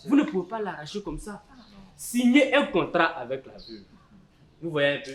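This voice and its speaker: Brief: a man playing an authoritative village chief with an Ivorian French accent, calm and instructive, slightly high voice, echoey room. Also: normal speed. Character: village chief mediating a land dispute, patient adult man. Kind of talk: community theatre acting.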